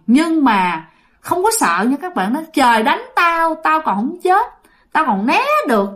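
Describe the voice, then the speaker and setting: A woman telling ghost stories, chatty, with many fillers and often addressing the listeners. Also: medium pitch. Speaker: storyteller. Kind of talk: ghost story narration.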